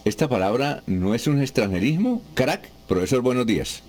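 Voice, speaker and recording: A man hosts a radio call-in segment at a middle pitch. He reads listeners' questions aloud briskly and hands them over to the expert. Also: big pitch swings, darkish tone.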